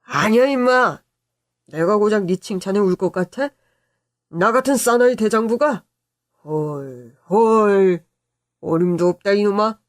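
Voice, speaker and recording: A woman voicing a kind-hearted middle-aged uncle who talks in a gruff, playful, blustering way. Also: lowish voice, measured pace, darkish tone, no room sound, clean studio sound, natural voice.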